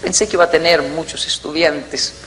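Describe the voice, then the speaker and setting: Brief: bright-toned male motivational speaker, lively storyteller who acts out scenes. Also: fairly high pitch, normal speed, slight background noise. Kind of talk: motivational talk.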